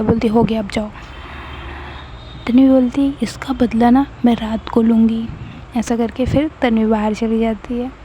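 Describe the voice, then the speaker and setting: A woman's voice: a little high, warm tone, slight background noise, poor audio. A woman narrating a love story and voicing both lovers' lines herself in a playful, teasing way. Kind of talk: narrated story reading with acted dialogue.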